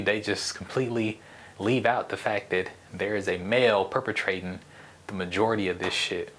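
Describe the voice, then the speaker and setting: This podcast host speaks alone in a casual monologue, his voice lowish and fairly bright. He's blunt and profane, rambling along and restarting often.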